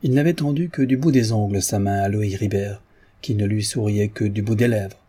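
A man reading a classic novel aloud as an audiobook narrator in a measured, literary way. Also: lowish voice, dark tone, breathy edge.

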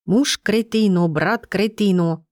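A woman's voice: medium pitch, takes it slowly, a little mellow, dry recording, studio quality, lightly acted. A woman voicing an angry young man who mutters to himself, indignant and protective of the woman he loves, in a read-aloud story.

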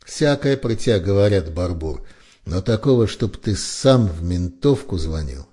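A man's voice: low-pitched, lively intonation, unhurried, dark tone, slightly rough, exaggerated voice. A man voicing a sneering young male thug who speaks in mocking criminal slang. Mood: sneering threat.

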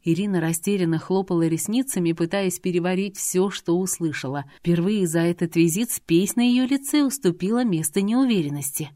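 A woman reading a novel aloud in steady, scripted narration. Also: lowish voice, a little fast, hardly any pauses, no echo, clean studio sound. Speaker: audiobook reader.

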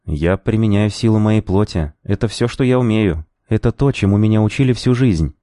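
A male narrator voicing a proud, wounded warrior who speaks slowly in a strained, earnest way. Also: fairly low pitch, dark tone, dry recording, clean studio sound, pitched above the performer's own voice, lightly acted. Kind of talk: audiobook character voice.

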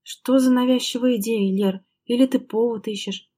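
A defensive husband bristles and fires back short, clipped answers, as a woman reading an audiobook puts him on. Her mellow, warm tone keeps him close to her own voice. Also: a little high, steady tone, normal speed, husky. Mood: irritated. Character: irritated husband, gruff and defensive.

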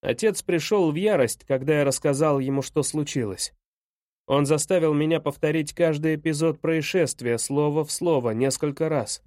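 Guy reading an audiobook, even and measured, kinda high voice, dry close sound. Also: no echo. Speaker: audiobook narrator. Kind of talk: first-person audiobook reading.

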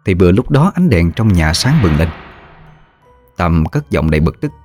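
A man narrating a ghost story in a slow, ominous reading. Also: low voice, big pitch swings, darkish tone. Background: faint music.

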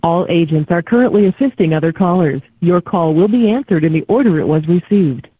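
High-voiced man on a recorded phone menu. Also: fairly quick, over loud music. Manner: even, formal announcer delivery. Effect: recorded automated phone menu message. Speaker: automated phone system voice. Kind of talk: scripted phone menu prompts. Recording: tinny phone line, dry.

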